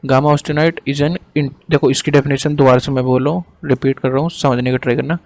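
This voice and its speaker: A male tutor talks through an on-screen diagram in a relaxed, chatty way. He slows right down to dictate definitions word by word, then speeds up to explain in between, with a middle-pitched voice. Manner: casual, apologizes for hesitating. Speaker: teacher. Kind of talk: lecturing over a screen diagram.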